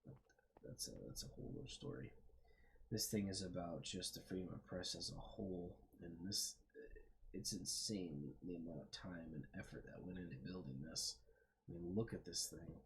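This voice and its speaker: In his casual game commentary, a young host speaks in a low, steady voice at a moderate pace, the audio quality poor. He reads aloud while exploring, pondering things and tapering off with filler words.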